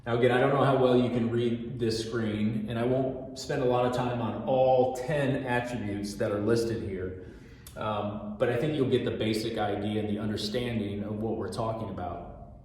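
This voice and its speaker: A middle-aged man, a restaurant manager, giving a staff orientation talk through a mask in a steady, fairly monotone, earnest way. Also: mid-range voice, normal speed, slight background noise. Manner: talks through a mask, patient and repetitive. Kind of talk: training talk. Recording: very echoey room with long reverb.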